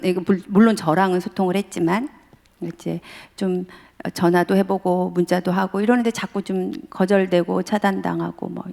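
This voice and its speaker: A woman's voice: mid-range voice, gravelly, a little mellow. A middle-aged woman professor giving a sermon in a church in a chatty storytelling way, often laughing and acting out family quotes. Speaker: guest speaker, professor. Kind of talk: sermon at a dawn prayer service, conversational storytelling. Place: church sanctuary. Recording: long hall reverb.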